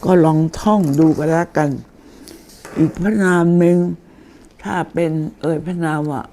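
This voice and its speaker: Low-voiced woman chatting through a lesson. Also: warm tone, a little hiss or hum. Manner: chatty, explains slowly, reads names aloud. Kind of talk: informal spoken lesson on deity names.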